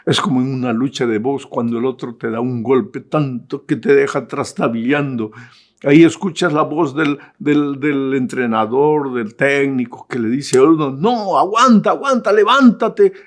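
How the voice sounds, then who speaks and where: A middle-aged male pastor delivers a fervent Bible study sermon, hammering his points home through emphatic repetition and shifting from loud appeals to hushed tones. His pitch is medium, his intonation fairly even, and he speaks at a normal speed.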